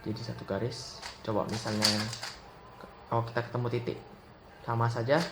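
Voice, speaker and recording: A young man gives a casual step-by-step puzzle tutorial. He talks in a relaxed way and calls out move notation one move at a time. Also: medium pitch, a little fast. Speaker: Rubik's cube tutor. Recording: echoey room with audible noise.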